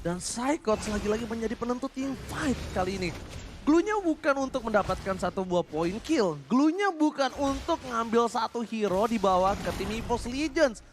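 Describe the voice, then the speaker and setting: An Indonesian man doing live esports play-by-play commentary in an excited, dramatic way. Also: very high-pitched, moderate pace, background noise.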